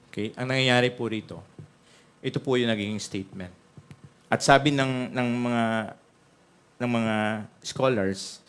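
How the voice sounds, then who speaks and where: A man's voice: medium pitch, a bit bright, clear, resonant tone. A man with a Filipino accent preaching a sermon as pastor, mixing Tagalog and English and often checking in with "okay?". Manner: frequent "okay?" check-ins to the congregation; switches between Tagalog and English.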